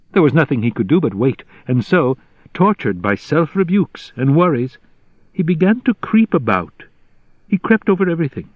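Male audiobook narrator, deliberate and measured, dry close sound. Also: medium pitch, no room sound, muffled recording. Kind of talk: scripted literary narration.

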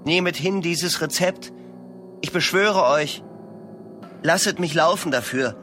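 A man's voice: measured pace, pushed and bright, soft background music. A man doing a stammering, desperate accused man. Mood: pleading. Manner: high-strung, imploring.

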